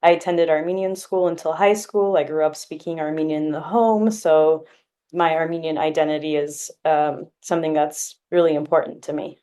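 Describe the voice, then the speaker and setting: A law student in her twenties from Glendale, California, answers interview questions earnestly and explanatorily, with occasional fillers. Her mellow voice sits low, with fairly even intonation at a normal speed.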